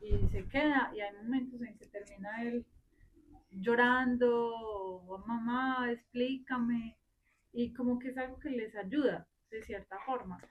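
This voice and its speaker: Expressive Colombian mother sharing stories. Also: fairly high pitch, measured pace, lo-fi sound, slight background noise. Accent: Colombian Spanish. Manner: expressive, narrates with quoted dialogue. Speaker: mother taking part in a church class. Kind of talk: sharing a personal story in discussion.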